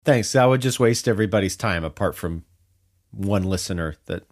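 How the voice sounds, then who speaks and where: A man's voice: low-pitched, moderate pace. A man co-hosting a podcast in casual chat, thinking aloud with restarts and fillers. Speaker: podcast co-host.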